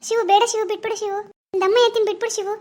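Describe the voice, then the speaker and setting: A woman's voice: extremely high pitch, flat delivery, racing. [name], a woman playing an anxious girl. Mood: pleading. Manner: pleading, worried. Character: young village woman, timid and anxious lover.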